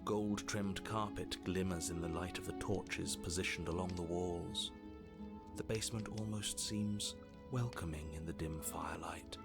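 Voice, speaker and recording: A man playing a stern, disapproving narrator in a video game, speaking in a formal, measured and ominous way. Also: deep voice, fairly even intonation, creaky. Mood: measured, descriptive. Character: stern, disapproving male storybook narrator steering the hero. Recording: music under the voice.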